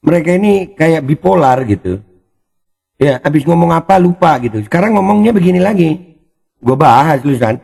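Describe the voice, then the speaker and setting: A man's voice: on the high side, animated, moderate pace, creaky, darkish tone, slightly rough. A man hosting a commentary channel, mocking and taunting someone he is reacting to. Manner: taunting, exclamatory, addresses opponent directly.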